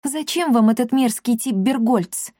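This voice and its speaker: Brief: kind shy girl, quiet wondering questions, a woman voicing her, dry close sound. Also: fairly high pitch, lively intonation, unhurried, no echo, voice pushed up. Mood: timid. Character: young girl, timid and kind.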